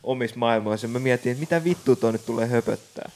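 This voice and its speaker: A young man keeps a loose, joking chat going. He cuts in with quick remarks and swears freely, in an everyday mid-pitched voice. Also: a little mellow. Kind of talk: casual chat.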